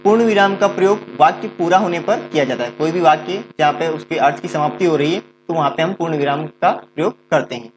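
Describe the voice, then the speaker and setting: A man gives a grammar lesson in a slightly raised voice, going through each point step by step. He often poses a question and then answers it himself. A low mains hum runs under the recording. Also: fairly quick, hardly any pauses. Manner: explains step by step, asks and answers his own questions. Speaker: teacher.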